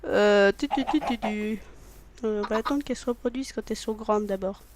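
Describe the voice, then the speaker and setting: This let's play creator talks a little fast in a high voice, rambling through jokes and puns while addressing both himself and his audience. Casual swearing and sudden loud outbursts punctuate his commentary, and a slight hiss or hum can be heard.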